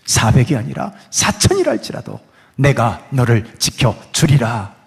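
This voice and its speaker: A man's voice: medium pitch, huge pitch swings, a little slow, gravelly, pitched below the performer's own voice, heavily acted. A man voicing God within his sermon, speaking in a solemn, comforting way. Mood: reassuring. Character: God, a reassuring divine male voice.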